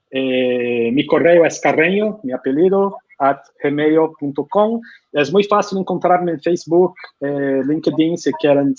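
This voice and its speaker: At an online conference, a Brazilian guest speaker who works as a publishing consultant fields questions in Spanish, his Brazilian Portuguese accent evident. His voice is on the high side and a little mellow, his speech hesitant with frequent fillers and restarts, and the audio is lo-fi.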